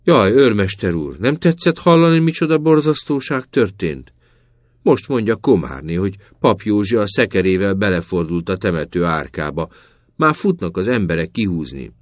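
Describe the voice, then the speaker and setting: A man voicing a loud, chattering old village woman in a read story. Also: sits low, big pitch swings, no room sound, clean studio sound. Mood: alarmed.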